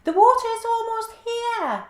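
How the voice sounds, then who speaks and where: A woman voicing a gentle, shy male giraffe with a squeaky, high voice, reading a children's storybook aloud in an echoey room. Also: lively intonation, unhurried. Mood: urgent. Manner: urgent, earnest.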